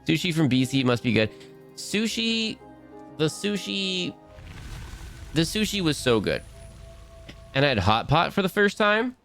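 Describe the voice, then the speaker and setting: A man's voice: a little high, sing-song, measured pace, long pauses, fairly bright tone, soft background music. A man casually chatting while streaming a game, upbeat and talkative, reading chat aloud.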